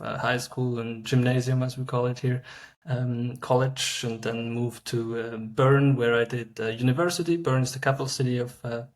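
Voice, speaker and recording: Man, 30s, founder guest; even, monotone, hesitant speech. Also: mid-range voice. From Switzerland. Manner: halting, many fillers and restarts. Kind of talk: casual interview answers.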